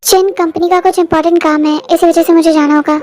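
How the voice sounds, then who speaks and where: High-voiced reader doing a hesitant young man. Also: level tone, quick pace, darkish tone. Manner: hesitant, polite.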